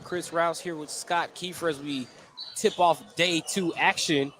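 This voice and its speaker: A man calls live high school basketball on the radio, detailing each play as it unfolds in an indoor gym. His voice is slightly high, steady, unhurried and a bit bright, and the live gym broadcast is noisy.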